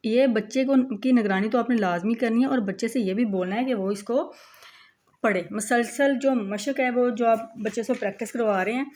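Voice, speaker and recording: A woman's voice: fairly high pitch, normal speed, darkish tone. Patient woman teaching letters step by step. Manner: patient, repeats "look" while showing each step.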